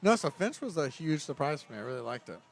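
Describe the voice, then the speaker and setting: A man's voice: on the high side, very animated, fast, creaky, soft background music. A middle-aged man co-hosting a casual film review podcast, rambling and correcting himself as he talks. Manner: rambling, self-correcting, chuckles. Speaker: podcast co-host.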